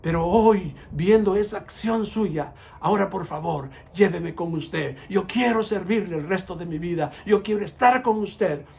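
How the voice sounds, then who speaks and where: A man's voice: high voice, a little slow, vocal fry, hardly any pauses, a little mellow, slightly rough, heavily acted. A man voicing a humbled freed father who earnestly pleads to serve the man who freed him. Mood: pleading.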